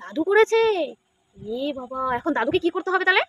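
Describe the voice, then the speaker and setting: A woman's voice: very high voice, big pitch swings, a little fast, fairly bright tone, dry recording. A woman playing with a small child, using coaxing, sing-song baby talk full of questions. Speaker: caregiver playing with a toddler.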